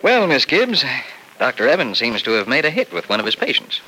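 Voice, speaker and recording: A blunt older doctor. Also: male voice, mid-range voice, wildly swooping pitch, fairly quick, pushed and bright, a little hiss or hum, poor audio. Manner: blunt, matter-of-fact, chuckling. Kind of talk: 1940s radio acting.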